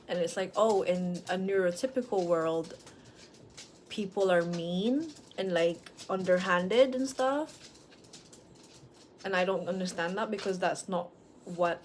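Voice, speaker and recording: Woman, late twenties, slightly low voice, frank and rambling, personal vlog. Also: a little hiss or hum. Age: late 20s. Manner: frank, rambling, self-questioning. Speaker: vlogger. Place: at home with dogs.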